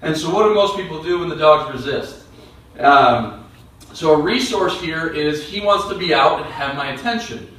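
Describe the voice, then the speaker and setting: Man teaching calmly in a very echoey room. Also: a little high, moderate pace. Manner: calm, explanatory, coaxing commands to a dog. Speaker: dog trainer. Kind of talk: instructional demonstration. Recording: very echoey room, distant mic.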